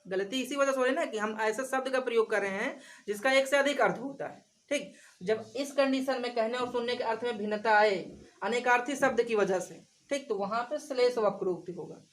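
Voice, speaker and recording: A woman's voice: fairly high pitch, fairly quick, rough recording. Woman teaching a grammar lesson. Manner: explains by repeating examples and asking the class questions. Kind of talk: exam-prep grammar lesson.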